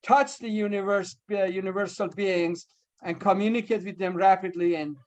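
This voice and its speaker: A man's voice: sits high, steady tone, moderate pace, darkish tone. A man hosting an online round table, rambling enthusiastically with many fillers. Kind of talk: casual video-call chat.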